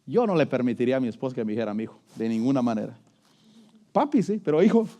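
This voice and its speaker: A middle-aged male pastor, preaching a sermon in an animated way, swinging from high emphatic lines down to low murmurs. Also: fast.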